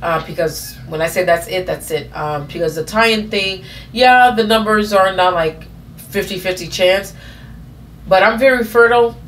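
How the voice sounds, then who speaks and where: A woman's voice: mid-range voice, moderate pace, a bit bright, a little hiss or hum. A woman in her thirties telling a personal story in a casual vlog, rambling with many fillers and self-corrections. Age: 30s. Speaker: vlogger.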